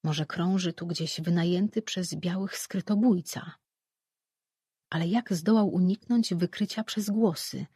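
An audiobook narrator tells the story in an even, steady way. The voice is husky and breathy, and sits at a middle pitch. The recording is dry and close. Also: measured pace, dry recording.

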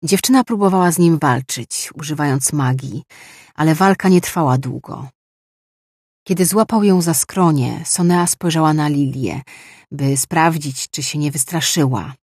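An audiobook narrator reading fiction in an even, measured way. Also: mid-range voice, breathy edge, dry recording, clean studio sound. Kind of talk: scripted narration.

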